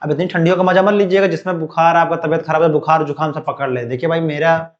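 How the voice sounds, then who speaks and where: Man, teacher, exam-prep lesson, recovering from a cold, quick delivery, dull lo-fi audio. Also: on the high side, fairly even intonation. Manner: talks directly to students, calls them "beta", lots of "theek hai" fillers. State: recovering from a cold, still coughing.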